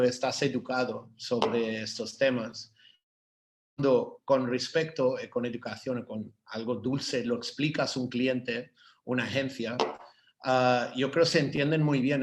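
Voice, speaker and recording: A man from the advertising industry in a panel discussion, talking hesitantly and slipping English words into his speech. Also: mid-range voice. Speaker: advertising producer.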